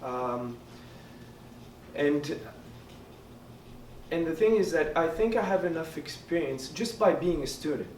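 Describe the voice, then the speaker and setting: A native French-speaking student candidate answers at a debate in a lounge hall, his voice fairly high, a little mellow and lively in intonation. He talks slowly with long pauses, earnest but hesitant and leaning on fillers. A distant mic captures a roomy sound with background noise.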